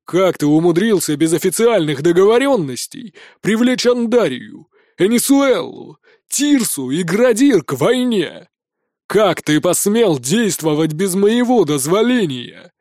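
A man voicing a wrathful, domineering king scolding his son in an audiobook, with a booming, shouting delivery. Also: expressive, normal speed, no echo, studio quality, close to an everyday voice. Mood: furious. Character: wrathful middle-aged male king, domineering father. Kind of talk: audiobook character voice.

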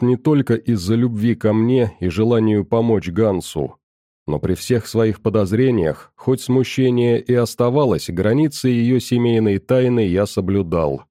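A man calmly narrating a novel in the first person in a measured tone. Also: lowish voice, no echo, studio quality. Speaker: audiobook narrator.

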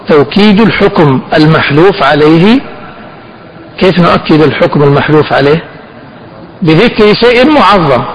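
A man's voice: fairly high pitch, slight background noise, rough recording. Sheikh teaching, questioning his class. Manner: asks questions and answers them himself, slow and emphatic on key phrases. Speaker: sheikh teaching a fiqh text. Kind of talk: classroom lesson explaining a text.

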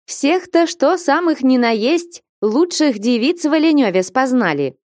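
A woman's voice: high voice, big pitch swings, unhurried, a little mellow, no echo, studio quality, pitched above the performer's own voice. A woman voicing a bold, teasing young woman novice in a storybook reading.

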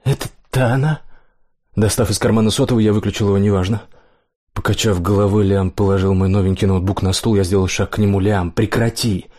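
A man narrating an audiobook in an even, measured reading voice. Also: on the low side.

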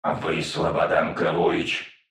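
A man voicing an old male cyborg in a flat, mechanical half-whisper with an echoing robotic filter, as in an audiobook. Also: a bass voice, slow pace, vocal fry, exaggerated voice. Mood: grave. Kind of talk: audiobook narration.

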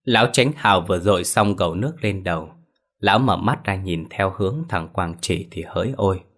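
A man narrating a ghost story in an expressive, dramatic way. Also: deep voice.

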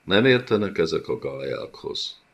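A man voicing a fat, cruel warlord in an audiobook, with a raspy throat and a sneering, mocking manner. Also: low voice, very animated, full character voice. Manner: sneering, scornful.

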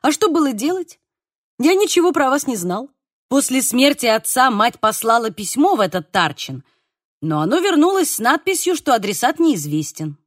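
A woman reading the part of a calm, practical middle-aged village man in an audiobook, explaining things plainly and patiently. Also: high voice, moderate pace, no room sound, clean studio sound.

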